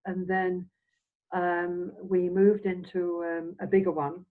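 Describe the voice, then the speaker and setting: In a lowish voice with a level tone, this elderly woman from Scotland, an interviewed Spiritualist minister and medium now semi-retired, shares reflective stories. She speaks haltingly and meanders, phrases trailing away, and the recording sounds dull and phone-like.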